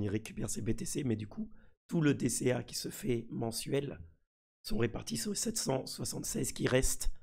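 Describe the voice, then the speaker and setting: A man with a husky, gravelly voice, sick, giving casual live commentary as a mischievous streamer. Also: mid-range voice, darkish tone. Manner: mischievous, trolling his community. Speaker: streamer presenting a crypto NFT project.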